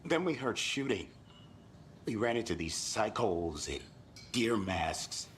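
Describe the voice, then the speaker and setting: An actor playing a blunt, crude tourist husband in a video game, recounting events in a rambling way. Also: male voice, fairly low pitch, lively intonation, slow, a bit bright, a little hiss or hum. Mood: shaken.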